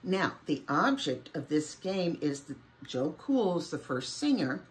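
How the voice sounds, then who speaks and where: A woman's voice: sits low, big pitch swings, takes it slowly. A woman teaching a music lesson, explaining a name game in a chatty way while getting over a summer cold. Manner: chatty, switches to singing solfege.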